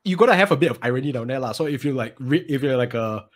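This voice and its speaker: A Singaporean man with a husky voice that moves up and down a lot. He talks in colloquial Singlish, chatting and joking casually with a group. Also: mid-range voice, animated, rapid-fire. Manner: colloquial Singlish with lah and ah particles.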